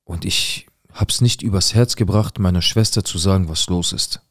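A man's voice: deep voice, normal speed, husky, no room sound, studio quality. A man telling his own story in an intense, emotional way, acting out the dialogue as he goes. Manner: retells events with quoted dialogue, intense and heated. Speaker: guest recounting a personal experience. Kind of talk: emotional first-person account.

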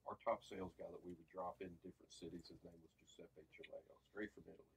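A man co-hosting a casual chat, telling an anecdote as an animated storyteller. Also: low voice, fast talker, slightly rough, rough recording. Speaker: co-host.

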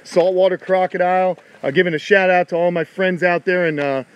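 A man in his thirties, like an enthusiastic wildlife show host, exclaims and chats with live-stream viewers from a fenced animal yard, holding his phone at arm's length. His voice is high-pitched, smooth, and steady, and he talks fast; the dull audio has no room sound.

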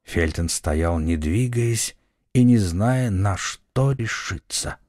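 Man reading an audiobook, lowish voice, really lively pitch, dry close mic. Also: slow pace, no room sound. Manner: expressive dramatic reading, varied tempo. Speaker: audiobook narrator. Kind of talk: scripted narration.

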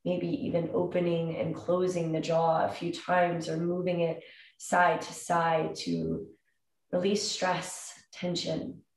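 A woman in her thirties leads a calm grounding meditation, giving soothing instructions with long pauses between phrases. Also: fairly low pitch, gravelly. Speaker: meditation guide. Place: indoor room with wooden floor and plank wall. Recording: roomy echo, distant microphone.

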